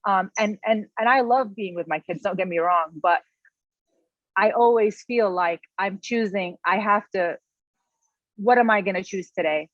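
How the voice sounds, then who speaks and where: A woman's voice: medium pitch, normal speed, no echo. A woman in her thirties, a guest author, talking in an earnest, emotional and personal way in a casual interview. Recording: dull, slightly lo-fi, dry sound.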